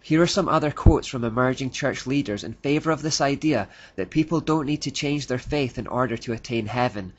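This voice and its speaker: A man's voice: mid-range voice, a little fast, hardly any pauses, dull audio. A man giving scripted narration in a critical tone, reading out quotes.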